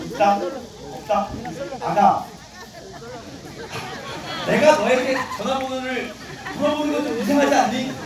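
Slow-talking emcee guy in his 30s joking with the crowd, far from the mic, crowd noise all around. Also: extremely high pitch. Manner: joking, self-mocking, teasing the audience. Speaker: emcee of a traditional performance. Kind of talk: live crowd banter. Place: outdoor performance ground. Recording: echoey, distant mic, loud crowd. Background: audience crowd.

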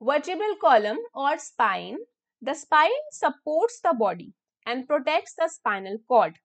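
A woman's voice: high voice, sing-song. A woman science teacher with an Indian English accent gives an online lesson. She mixes English and Hindi and keeps checking with "okay?". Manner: filler-heavy, repeats terms slowly for students.

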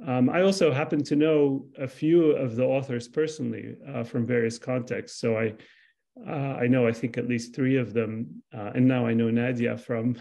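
A man in his sixties from Lebanon, a translator speaking thoughtfully on a video call panel, with many pauses and restarts. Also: mid-range voice, creaky, a little mellow. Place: home room with framed pictures. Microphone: video call webcam.

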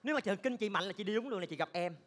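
A high, bright, sharp-tongued old gossip woman, as a man puts her on, rattling off scandal at a quick clip in a Southern Vietnamese accent. She is a meddling drink seller in a stage comedy sketch, exaggerated and chattering. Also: expressive. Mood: teasing.

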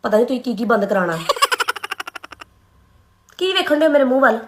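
A woman's voice: fairly high pitch, lively intonation, fairly quick, noisy background. A woman with a Punjabi accent complaining sulkily in a comedy sketch. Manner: sulky, complaining. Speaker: sketch actor playing a complaining wife.

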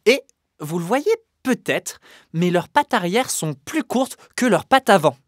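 A woman's voice: fairly low pitch, very animated, unhurried, no echo, studio quality. A woman hosting a children's educational video, playful and exclamatory, with jokey asides to the animals. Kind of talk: lively presenting to children. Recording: music playing under the voice.

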